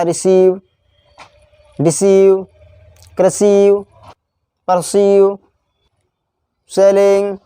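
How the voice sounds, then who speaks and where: A man teaching a spelling lesson. He spells out letters slowly, repeats each example word, and slips into chatty asides. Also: high voice, mellow, smooth, no echo, studio quality. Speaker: English teacher. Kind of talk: classroom-style spelling lesson.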